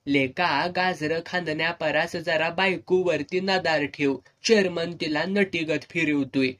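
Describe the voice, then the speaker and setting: A man's voice: fairly high pitch, fairly even intonation, a little slow, fairly bright tone. A man voicing a teasing, gossiping village man, in a serialized audio novel. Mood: mocking.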